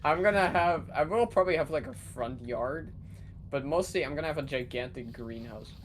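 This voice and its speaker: A man in relaxed voice chat on a game stream, laughing easily as he reads out facts. His voice sits a little higher than most men's. A faint hiss of noise runs underneath. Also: moderate pace.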